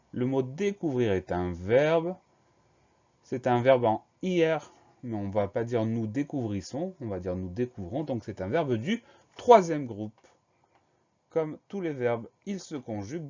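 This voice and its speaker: A man's voice: mid-range voice, mellow, dull audio. Patient man spelling words aloud. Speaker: primary school teacher. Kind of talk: spelling lesson for children.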